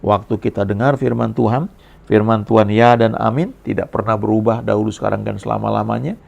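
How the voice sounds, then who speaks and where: Gravelly-voiced man preaching conversationally. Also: on the low side, fairly even intonation, fairly quick, a little mellow, highs cut off. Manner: conversational storytelling, frequent "ya" tags. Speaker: pastor. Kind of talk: sermon testimony.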